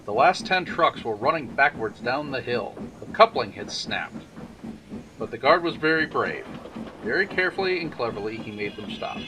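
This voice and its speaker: A man narrating a children's railway storybook in an expressive, measured way. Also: mid-range voice, noisy background. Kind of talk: storybook reading.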